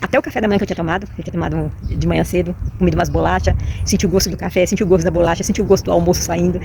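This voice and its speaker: A woman's voice: lowish voice, steady tone, racing, gravelly, noisy background. Emotional middle-aged Brazilian woman. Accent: Brazilian Portuguese. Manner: emotional, repetitive, with many tag questions. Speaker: vlogger. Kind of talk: personal storytelling.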